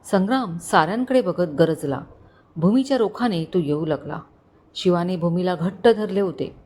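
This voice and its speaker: A woman storyteller narrating a dramatic family story, expressive and vivid. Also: moderate pace. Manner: expressive, voices characters with rising pitch in tense moments.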